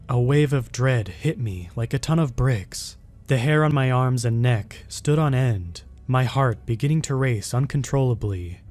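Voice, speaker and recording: Male horror narrator, even and unhurried, mid-range voice, soft music bed. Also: mid-range voice. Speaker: storyteller.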